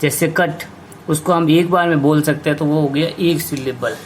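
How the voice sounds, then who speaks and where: A man teaching an English grammar lesson, slowly explaining rules and spelling out words letter by letter. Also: a little high, steady tone, slight background noise.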